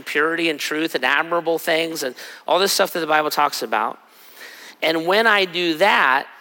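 Raspy after a cold trip, a middle-aged pastor's bright, slightly higher-than-average male voice carries his sermon in an easygoing, conversational style. Every so often he slips into brief acted-out asides, while the hall's long reverb follows every phrase.

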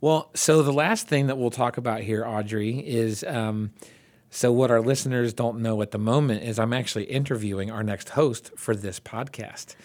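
A man's voice: mid-range voice, moderate pace, darkish tone. Encouraging male podcast host. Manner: encouraging, affirming, upbeat interviewer. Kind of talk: faith podcast interview.

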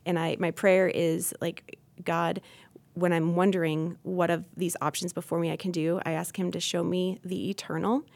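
A woman in her thirties, a podcast guest, talking earnestly and thoughtfully on a faith podcast, pausing and restarting as she thinks. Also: on the low side, level tone, vocal fry, darkish tone. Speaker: podcast guest, incoming host.

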